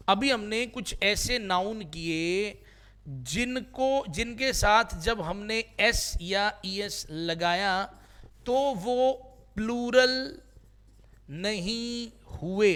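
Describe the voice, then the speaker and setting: A man's voice: high voice, bright, forceful tone. A man teaching English vocabulary in a classroom, quizzing students with repeated questions in a playful way.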